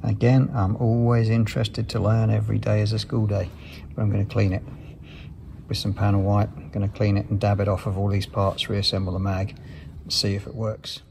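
An aircraft maintenance engineer presents a repair video, giving thoughtful, unscripted technical commentary as he explains each step while he works. His voice is fairly low, gravelly, and quick, with little pitch movement, captured on a hand-held device with some noise.

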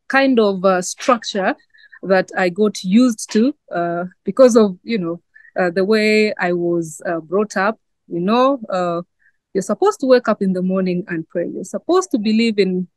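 Speaking from outside beside a garden, this guest journalist, a young Ugandan woman, fields interview questions on a video call. Her mid-range voice has a somewhat dark tone and a Swahili-tinged East African accent, and she answers thoughtfully, using many fillers; there's no echo.

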